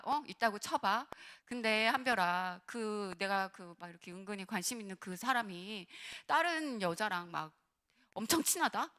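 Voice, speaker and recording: A woman pastor preaching a sermon to young adults, asking them direct questions and swinging from soft near-whispers to loud, fervent passages. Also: medium pitch. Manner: talks directly to listeners, asks questions.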